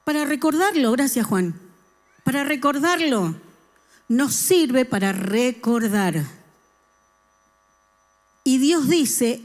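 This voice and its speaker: A middle-aged woman, preaching a sermon and asking the congregation questions. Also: sits high. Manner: lively, talks with the congregation and asks them questions. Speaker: church speaker.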